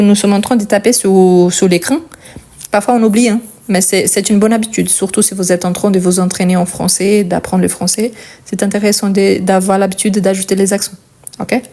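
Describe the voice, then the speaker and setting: A woman's voice: medium pitch, darkish tone. A woman with a Portuguese accent teaching a French conjugation lesson, explaining patiently step by step and checking in often with the learner.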